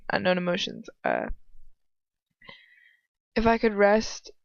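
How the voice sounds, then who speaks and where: Reading fan fiction aloud in a casual, irreverent way, this woman speaks slowly in a gravelly, medium-pitched voice with fairly even intonation. She trips over lines, giggles, and breaks off into sweary, chatty tangents. Sound is muffled and lo-fi, recorded at home with a roomy echo.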